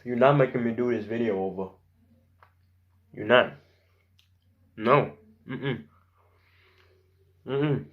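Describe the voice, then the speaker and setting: A young man telling a story casually to camera in animated slang, acting out bits of dialogue. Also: mid-range voice, slow, long pauses, highs cut off. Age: young adult. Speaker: vlogger. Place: small room at home.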